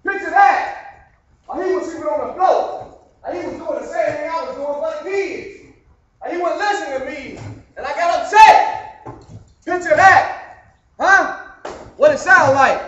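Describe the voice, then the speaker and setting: A church pianist rambles endlessly to himself and those nearby while playing piano indoors at a community building, repeating himself and asking "huh?" His voice is extremely high-pitched and sharp in tone, delivered at a normal speed. The sound is lo-fi.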